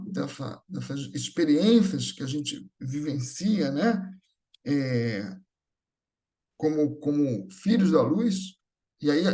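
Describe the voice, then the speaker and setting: At a Spiritist gathering, a Brazilian-accented man with a fairly high, warm voice delivers a spiritual talk in a conversational style. He leans on repetition, rhetorical questions and tags to check in with listeners.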